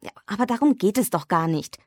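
A woman voicing a calm, detached young woman who answers quietly and evasively. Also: mid-range voice, a little fast, no echo, clean studio sound, natural voice. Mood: cool, evasive.

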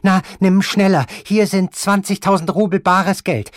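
A man voicing an imperious elderly grandmother at the gaming table in an audiobook, giving shrill, impatient orders. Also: fairly even intonation, measured pace, no echo, studio quality. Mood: commanding. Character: imperious old grandmother gambler, commanding. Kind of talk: audiobook reading.

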